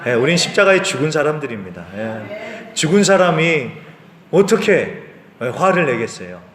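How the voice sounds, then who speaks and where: A man's voice: on the high side, very animated, moderate pace, a bit bright. A male pastor giving a sermon in a conversational way, asking rhetorical questions and often affirming with a short "yes.". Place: church sanctuary. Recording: echoey church hall reverb.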